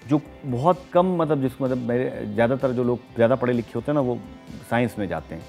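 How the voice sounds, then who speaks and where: On a studio talk show, a middle-aged astrologer with a Pakistani Urdu accent reads horoscopes, explaining things in a measured way with frequent hesitations. His mid-range voice is gravelly and dark, with lively intonation, and faint music plays behind him.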